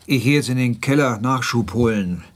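An actor playing a gruff, volatile, hard-drinking man in a radio play, speaking bluntly and curtly. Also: mid-range voice, moderate pace, a little hiss or hum, lightly acted. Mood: soft. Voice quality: gravelly, husky voice. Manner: blunt, curt, threatening when pushed. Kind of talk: 1980s radio play acting.

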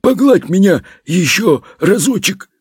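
A rude, boastful seven-headed storybook dragon, as a male reader puts him on, bellowing its threats slowly and stretching the words out. The voice sits higher than the reader's own and sounds husky and dry. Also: big pitch swings, no echo, full character voice. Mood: lazily pleased. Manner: bellowing, slow drawn-out threats.

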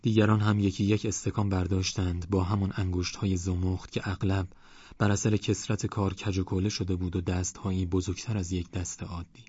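Deep husky male audiobook narrator. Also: flat delivery, warm tone, dry recording, dull audio. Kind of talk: scripted novel narration.

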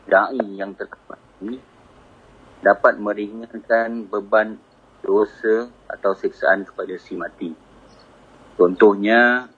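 A man reading out a question slowly and carefully, his online call audio choppy and breaking up. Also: on the low side, fairly bright tone, breathy edge. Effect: choppy online call audio that keeps breaking up. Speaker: caller asking a question. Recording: muffled lo-fi call line.

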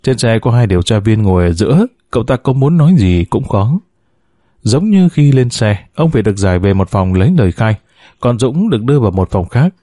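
A man's voice: lowish voice, sing-song, brisk, dark tone, dry recording, clean studio sound. A man narrating a family drama story, reading the narration and voicing every character himself.

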